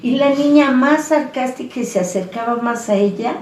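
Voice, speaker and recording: A woman's voice: sits high, normal speed, darkish tone, a little hiss or hum. A woman telling a scary story in a casual, chatty way, full of little fillers. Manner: conversational, many fillers like "pues" and "¿no?". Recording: echoey room, voice a bit far from mic.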